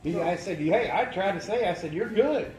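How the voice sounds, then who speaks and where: A man's voice: high voice, lively intonation, moderate pace, reverberant, rough recording. A man chatting loosely and profanely while working on a car engine, joking with friends. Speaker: mechanic. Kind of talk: casual shop banter. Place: garage.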